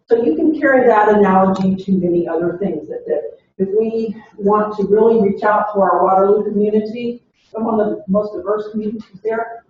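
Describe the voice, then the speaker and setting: An Oklahoma woman who works as a university diversity administrator presents to a search committee in a meeting room, telling a personal story and posing rhetorical questions. Her mid-range voice is captured distant, echoey and dull, with slight background noise.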